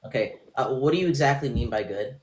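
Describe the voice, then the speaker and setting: Fast-talking man asking probing questions. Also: medium pitch, a loud crowd. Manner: calm, probing, asks for definitions. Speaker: debater. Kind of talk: heated live-stream debate.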